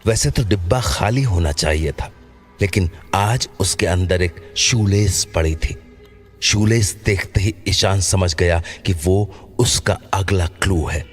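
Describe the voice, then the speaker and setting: A man with a very deep voice narrates a scripted horror story at an unhurried pace. Clear background music plays beneath his telling.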